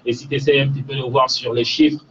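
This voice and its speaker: A man's voice: medium pitch, little pitch movement, quick pace, fairly bright tone. A man, an artist's manager, talking in a casual radio interview with many fillers. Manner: explains with fillers like "en fait" and "tu vois". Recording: distant, dull radio studio sound with faint hiss.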